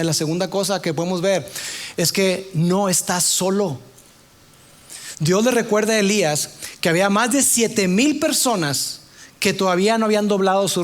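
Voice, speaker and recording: A man preaching a sermon in an earnest way, sometimes dropping to a soft hush. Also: high-pitched. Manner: earnest, drops to a soft hush for tender passages.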